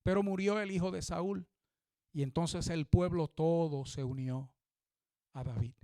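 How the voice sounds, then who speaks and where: High-voiced, fervent preaching pastor. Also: male voice, fairly even intonation, unhurried, mellow, no echo. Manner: fervent preaching, calls listeners "hermano". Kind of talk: sermon.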